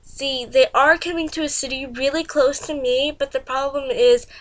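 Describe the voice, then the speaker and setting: Teen girl, high voice, congested nose, chatty fan vlogger, rambling casual talk. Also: fairly even intonation, normal speed, a bit bright. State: stuffed-up nose from a cold. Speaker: vlogger reacting to a music video. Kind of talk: casual chat.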